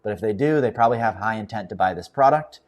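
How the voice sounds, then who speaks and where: A young man hosting a casual screen-share tutorial, explaining each step in an upbeat, relaxed way. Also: on the low side, fast, muffled recording. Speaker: host.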